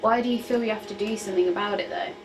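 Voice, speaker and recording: A woman's voice: medium pitch, steady tone, very fast. A woman working as a reporter, chatting informally and asking questions on location. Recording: noisy on-location recording.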